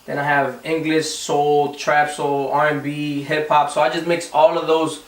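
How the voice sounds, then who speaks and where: A man's voice: a little high, level tone, unhurried, reverberant, recorded from a distance, low-quality recording. A young man from the Dominican Republic, a singer answering interview questions casually, often restarting and repeating words. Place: recording studio.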